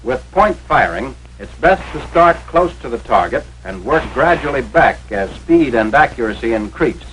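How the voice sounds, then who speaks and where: An American man with a mid-pitched, fairly bright voice narrates like a 1940s military training film, animated and at normal speed. His delivery is authoritative and instructional, with clipped, formal phrasing. The audio is poor, the vintage soundtrack carrying a light layer of noise.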